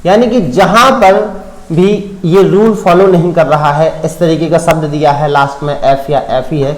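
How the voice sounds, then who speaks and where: A man teaching an English grammar lesson, spelling words out letter by letter and often checking whether the point is clear. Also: a little high, fairly even intonation, normal speed, reverberant, low-quality recording.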